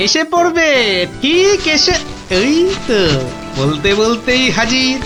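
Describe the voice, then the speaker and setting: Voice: high voice, big pitch swings, slow pace, over music, full character voice. A voice actor playing a clever, mischievous court jester in a cartoon, breezy and knowing. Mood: playful. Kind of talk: cartoon voice acting.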